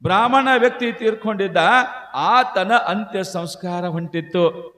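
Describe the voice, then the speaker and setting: A man tells a devotional tale, half sung and half spoken, in a high voice. He swings from loud, high pleading down to hushed low asides. His voice rings through a big hall with a long, echoing tail. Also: unhurried. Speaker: devotional storyteller. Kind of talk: sung and spoken religious storytelling. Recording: echoey hall, long reverb.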